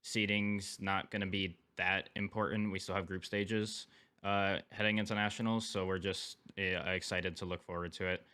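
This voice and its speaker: Low, nasal young man, plugged-nose sound. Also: little pitch movement, normal speed, bright, forceful tone, clean tone. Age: young adult. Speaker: esports player. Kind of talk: casual post-match interview.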